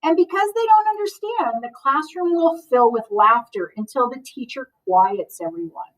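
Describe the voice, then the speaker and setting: A woman with a high voice reads a picture book aloud in an expressive way. She speaks directly to children like a school librarian, adding short asides. The microphone sits some distance from her. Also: moderate pace.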